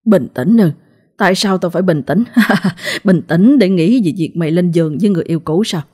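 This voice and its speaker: A cruel, cold-blooded husband snarling his threats, as a woman narrator puts him on. The voice sits low and dark, sneering between words. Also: animated, moderate pace, slightly rough. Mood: vicious sneering.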